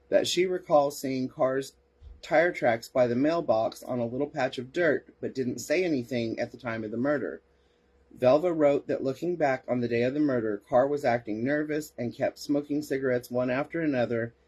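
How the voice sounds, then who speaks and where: Reading case reports on his podcast, this man keeps interrupting himself with sarcastic remarks and replies to chat comments from listeners. His voice is mid-range, darkish in tone, and slightly rough.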